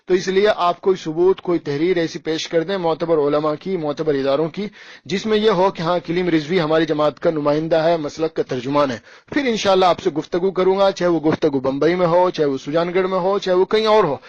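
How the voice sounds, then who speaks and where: A man's voice: a little high, no room sound. A man, an Islamic cleric delivering a scornful, challenging polemical rebuttal full of rhetorical questions. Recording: dull lo-fi dry recording.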